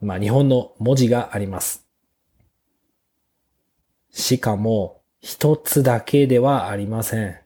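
Slow, soft-spoken Japanese teacher man. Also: on the low side. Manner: slow, clear teacher's delivery with fillers. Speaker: podcast host teaching Japanese. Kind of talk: slow, simple Japanese lesson for beginners.

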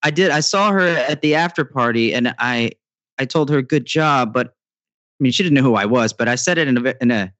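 A man's voice: mid-range voice, expressive, a little fast, fairly bright tone, dry recording, muffled recording. A man who is a guest songwriter on a podcast, telling stories casually with self-mocking asides and stammering restarts. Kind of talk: casual chat.

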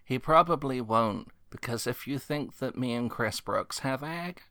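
A man co-hosting a wrestling podcast, telling wry anecdotes and dry asides. He talks slowly and deliberately, and his voice sounds dry and close, with no room echo. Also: medium pitch, lively intonation, pushed and bright. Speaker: podcast co-host. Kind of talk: casual chat over a watch-along.

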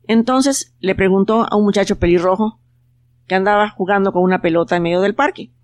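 A storyteller reading a children's tale aloud in a calm, unhurried voice. The recording is dry and close, with no room around it. The pitch sits in an easy middle register. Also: no echo. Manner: calm, unhurried telling with plain quoted voices. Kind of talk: storybook narration.

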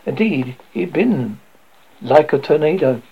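Gravelly, lively male storyteller. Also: on the high side, measured pace, dull audio, slight background noise. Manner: expressive reading with stumbles and self-corrections. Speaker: narrator. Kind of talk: audiobook reading on radio.

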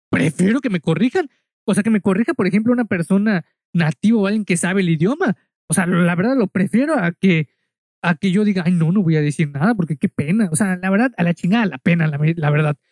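A man's voice: high-pitched, darkish tone, no room sound, clean studio sound. A man from Mexico with a Mexican accent, casually telling a story in a monologue, chatty and full of asides, speaking straight to the listener.

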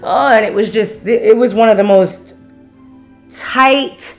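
A woman's voice: a little high, a little slow, faint music behind. A woman from the United States hosting a casual storytime monologue, frank and profane, laughing often and acting out quoted voices. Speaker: storyteller host.

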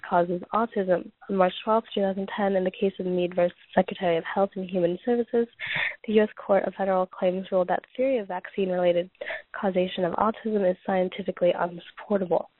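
A woman with a failing voice reads prepared notes aloud, stumbling, restarting and clearing her throat. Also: mid-range voice, dry recording. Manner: halting reading with frequent restarts and throat clearing. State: losing her voice, coughing. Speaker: podcast host reading points on a topic. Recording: tinny phone-like audio.

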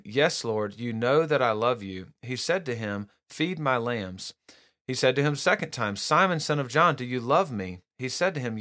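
A man gives a relaxed Bible lesson at a middle pitch. He talks in a loose, conversational way, often restarting his sentences and reading verses aloud between his explanations. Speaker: preacher. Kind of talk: casual Bible teaching.

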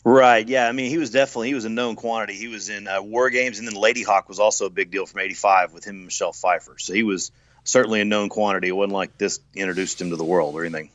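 A man's voice: lowish voice, fairly even intonation, quick pace, a bit bright, no echo. A man co-hosting a podcast, chatting casually about old movies, recalling trivia eagerly. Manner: enthusiastic, trivia-heavy recall. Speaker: podcast co-host.

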